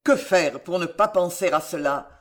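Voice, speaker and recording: A woman's voice: lowish voice, moderate pace, lightly acted. A woman reading aloud voices a feverish, frightened young king who mutters to himself. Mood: fearful.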